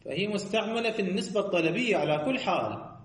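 A man teaching a seminary lecture, his voice sitting a little high. He stretches key words into a sing-song lilt and keeps asking rhetorical questions he then answers. The room around him rings with echo. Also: expressive, fast talker. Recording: echoey room.

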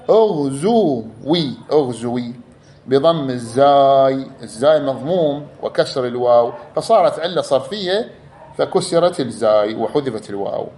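A man's voice: mid-range voice, mellow. A man teaching a class, explaining step by step, repeating key words and drawing out examples. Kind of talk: explanatory lecture.

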